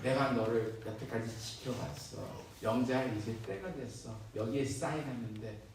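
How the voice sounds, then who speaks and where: Preacher doing a low-voiced, slow, coaxing lawyer; echoey hall, distant mic. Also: male voice, heavy background noise, lightly acted. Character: smooth-talking male lawyer, coaxing.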